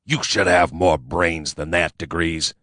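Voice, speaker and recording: A man voicing a gruff grumbling agency chief. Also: deep voice, measured pace, a bit bright, no echo, clean studio sound. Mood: snarling. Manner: snarling, grumbling. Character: gruff older male chief of a secret agency.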